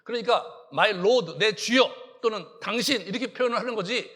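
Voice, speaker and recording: A male pastor preaching a Sunday sermon in an animated way, acting out quoted lines in a hushed voice. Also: high-pitched, normal speed.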